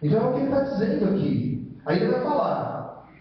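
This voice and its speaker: A man's voice: extremely high pitch, very animated, brisk, slight background noise. A man with a Brazilian accent preaching a church sermon in a conversational way, often tagging "né?" onto his sentences and asking rhetorical questions, then answering them himself. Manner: conversational, with constant "né?" tag questions. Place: church hall. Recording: echoey church hall, mic far off, dull sound.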